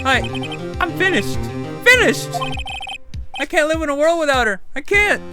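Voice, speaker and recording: A man's voice: extremely high pitch, sing-song, moderate pace, over loud music, voice pushed up. A man playing a wailing, panicked young defendant. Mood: frantic. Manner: wailing, melodramatic shouting.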